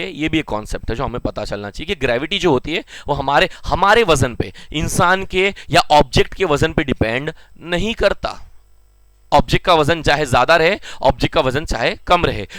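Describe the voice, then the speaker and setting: A man's voice: fairly high pitch, fairly bright tone, dry recording. A young man teaching a science lesson in a chatty Hindi-English mix, firing off questions and answering them himself. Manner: says he talks fast. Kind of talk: classroom lecture.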